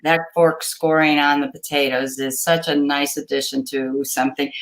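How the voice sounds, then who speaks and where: A woman's voice: deep voice, fairly even intonation, normal speed. A woman giving an enthusiastic, thorough food critique as a judge over a video call. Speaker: cooking judge.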